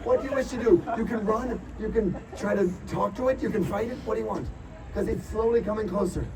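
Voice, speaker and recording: A man hosting a live tabletop role-playing show as game master, narrating theatrically with dramatic, drawn-out suspense. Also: high voice. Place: outdoor stage at a Renaissance fair. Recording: distant mic, loud crowd and noise.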